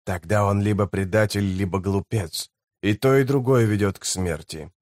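A man voicing a grim, wary male guide who talks in terse, hushed mutters. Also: fairly low pitch, normal speed, no room sound, studio quality, pitched below the performer's own voice, close to an everyday voice. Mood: curt.

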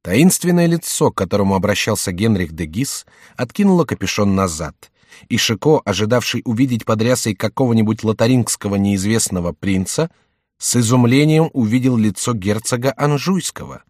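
A man giving a scripted, measured narration of a historical novel. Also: lowish voice, dry recording, clean studio sound. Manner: measured, even storytelling. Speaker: audiobook narrator.

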